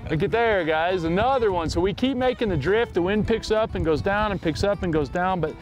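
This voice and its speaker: A man's voice: sits high, brisk. A middle-aged man hosting a fishing show from a boat on a lake, talking casually to viewers he calls guys. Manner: chatty, addresses viewers as guys. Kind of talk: casual on-the-water fishing commentary.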